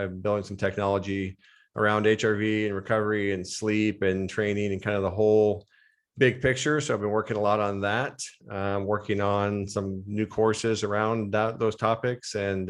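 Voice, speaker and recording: An American man speaking as a podcast guest, explaining things fluently in casual conversation. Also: on the low side. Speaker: podcast guest, strength and conditioning coach. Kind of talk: casual interview chat.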